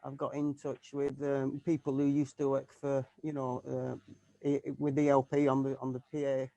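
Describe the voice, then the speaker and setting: A man's voice: mid-range voice, monotone, moderate pace, warm tone, no room sound, highs cut off. A man from the UK, a keyboard player in a tribute band, chatting casually in an interview and stumbling through many restarts and fillers.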